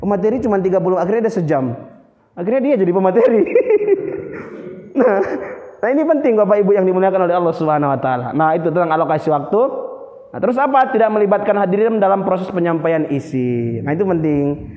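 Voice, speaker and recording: A man's voice: sits high, lively intonation, quick pace. A man running a public speaking workshop in a mosque, playful and teasing, often quizzing his audience. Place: mosque hall. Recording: reverberant hall, dull lo-fi sound.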